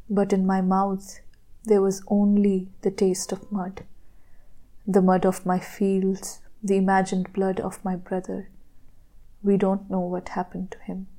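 A woman podcast host reading a poem aloud in a slow, measured way, now and then dropping to a whisper. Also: mid-range voice, dark tone.

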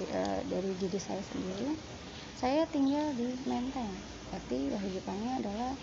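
A woman's voice: fairly high pitch, gravelly. A woman teaching a Japanese lesson online, patiently repeating and rephrasing with frequent fillers. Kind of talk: online lesson explaining sentence patterns. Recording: lo-fi with steady background noise.

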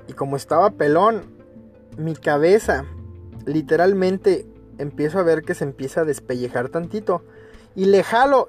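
A man with a Mexican accent, hosting a podcast and telling a personal story in a casual, crude, emphatic way, full of fillers and stumbles. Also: high voice. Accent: Mexican Spanish. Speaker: podcast host.

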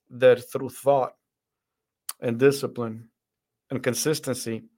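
Earnest man speaking in a flat tone. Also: mid-range voice. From Dominican Republic. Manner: earnest, reflective, many restarts and fillers. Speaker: podcast guest, center director. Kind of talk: interview conversation.

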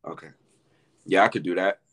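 A young man hosting a casual podcast, relaxed and slangy as he chats and wraps up. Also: low-pitched, fairly quick, husky. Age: young adult. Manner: relaxed, slangy, wrapping up the show. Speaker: podcast host. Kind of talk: casual chat.

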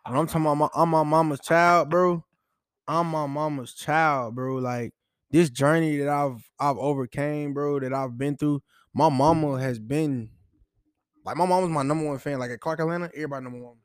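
With a fairly high, clear and resonant voice, this young college football player speaks at a moderate pace and fairly even intonation. The interview is a studio-quality dry recording, and he comes across as heartfelt and repetitive, dropping "bro" frequently.

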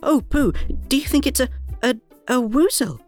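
A man voicing a small, timid young male piglet in a storybook reading, with a squeaky, nervous, stammering manner. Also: expressive, moderate pace, faint music behind. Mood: excited. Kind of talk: storybook character voice.

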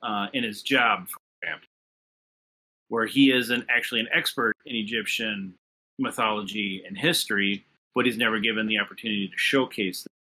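Joining a relaxed pop-culture panel over a patchy remote connection that breaks up, this man argues thoughtfully, using questions to build his points. His voice is on the low side with a steady, sharp tone and a fairly quick pace, and the audio quality is poor.

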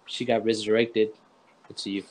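A man's voice: on the low side, flat delivery, moderate pace, over a noisy crowd. A young man chatting casually with friends, playful and jokey, insisting on being heard out. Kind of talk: casual chat.

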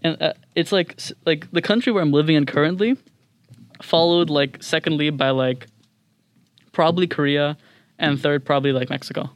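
A young man speaks in a standard American accent with a smooth, slightly high voice. He chats casually as a guest, informal and self-deprecating, and the sound is dry and close. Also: normal speed, no room sound. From several countries across Latin America, Asia, Europe and the US. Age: young adult. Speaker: podcast guest, international student. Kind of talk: casual interview chat.

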